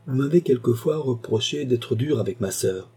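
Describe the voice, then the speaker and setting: A man reading an audiobook, voicing a gruff, blunt older nobleman. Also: medium pitch, lively intonation, normal speed, dark tone, pitched above the performer's own voice. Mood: indignant.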